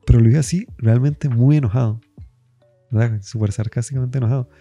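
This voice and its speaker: A man's voice: mid-range voice, fairly quick, warm tone, dry recording, soft background music. A man with a Costa Rican accent, a stand-up comedian casually telling stories about his shows and rambling with many fillers. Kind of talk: casual personal storytelling.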